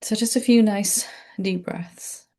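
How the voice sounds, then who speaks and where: A woman meditation teacher leads a gentle, unscripted guided meditation, sounding soothing, informal and reassuring. She speaks slowly at a medium pitch.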